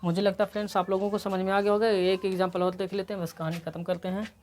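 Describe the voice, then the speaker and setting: A woman, with a slight cold, walks her students through an English grammar lesson step by step. She keeps repeating key points and checking that everyone is following. Her voice sits in a middle pitch and is recorded close to the mic. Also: flat delivery, fast talker, a little mellow, a little hiss or hum. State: coming down with a cold. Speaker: English teacher.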